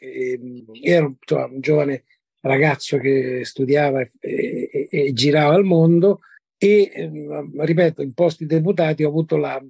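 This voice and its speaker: An older Italian man with a fairly high, warm, husky voice recalls past encounters as a guest, with no room sound. He is hesitant in this conversational recollection, using many fillers and repeated words.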